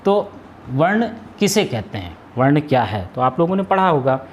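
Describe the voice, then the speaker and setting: A man with a fairly high voice gives a Hindi grammar lesson, working through it step by step. He asks questions and then answers them himself, often hesitating and restarting mid-sentence. A faint hum of room ambience sits behind him. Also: big pitch swings, moderate pace. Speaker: Hindi teacher. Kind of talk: classroom lesson.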